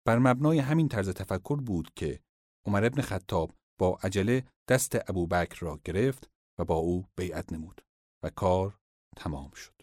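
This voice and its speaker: A man giving formal, measured scripted narration of religious history. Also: low voice, animated, a little mellow, dry recording, clean studio sound.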